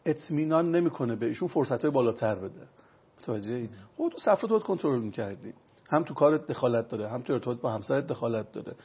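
A man consulting on traditional medicine, lecturing with everyday examples in an interview. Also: fairly high pitch. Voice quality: gravelly and raspy. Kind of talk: explanatory interview talk. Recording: dull lo-fi recording.

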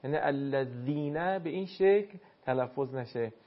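A man's voice: on the high side, muffled recording. A man teaching Quran recitation on air, giving a caller formal, courteous and instructive feedback.

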